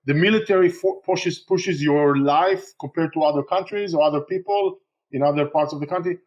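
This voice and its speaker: Israeli-born man, halting, lo-fi. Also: fairly high pitch, a little mellow. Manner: halting, many fillers and restarts. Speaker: guest, real estate investor. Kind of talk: casual interview talk.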